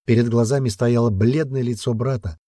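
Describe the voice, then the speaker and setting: A man narrating an audiobook in steady, even scripted storytelling. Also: mid-range voice, a little fast, no room sound, studio quality.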